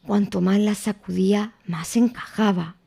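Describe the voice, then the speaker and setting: A woman reading a children's story aloud in a slow, expressive, playful way. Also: mid-range voice, creaky, breathy edge.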